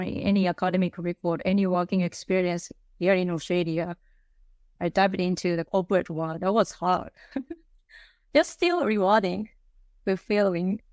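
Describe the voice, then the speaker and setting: This casual podcast conversation in Melbourne, Australia features a Japanese guest whose first language is Japanese. Her voice is mid-range and a little mellow, and she speaks hesitantly, restarting her phrases with light laughter. The recording is dry.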